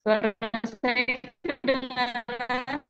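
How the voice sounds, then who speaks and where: A woman, an education official on a video call, speaking in halting fragments as her audio breaks up over a bad network connection. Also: on the high side, steady tone, dull audio, music in the background. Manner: halting, scattered short fragments. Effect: choppy audio breaking up over a bad network connection.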